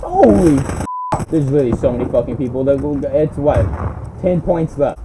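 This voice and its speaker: A young man commentating his own online shooter match, with profane, hot-tempered trash talk and bursts of yelling. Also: medium pitch, brisk. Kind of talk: live gameplay commentary. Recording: gameplay audio noise under the voice. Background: game sounds, gunfire and vehicles.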